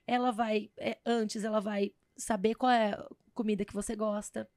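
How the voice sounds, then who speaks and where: A woman's voice: medium pitch, moderate pace, dry recording, clean studio sound. A woman from the São Paulo state interior, a guest in an interview, telling personal stories and acting out the dialogue she quotes. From Presidente Prudente, São Paulo state, Brazil. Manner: animated storyteller who acts out quoted dialogue. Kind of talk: personal storytelling in a casual interview.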